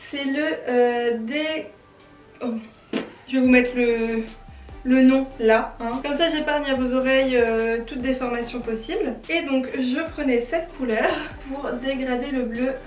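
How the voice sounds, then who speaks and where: A woman's voice: high-pitched, reverberant, distant mic. A chatty French woman with a French accent, talking through a makeup tutorial and explaining each step with self-deprecating asides. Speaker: beauty vlogger.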